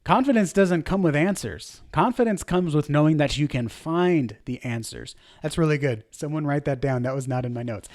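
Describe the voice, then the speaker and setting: A man talks through a lesson for church media teams in a loose, chatty way, poking fun at himself as he goes. He acts out panicked and calm example voices to make his point. His voice sits a little high for a man. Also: normal speed, hardly any pauses. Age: adult. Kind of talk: casual teaching talk to camera.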